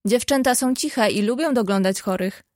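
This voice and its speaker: A woman reading an audiobook, voicing a bold, kind-hearted teenage girl who talks frankly and briskly. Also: a little high, a little mellow, no room sound, studio quality, lightly acted.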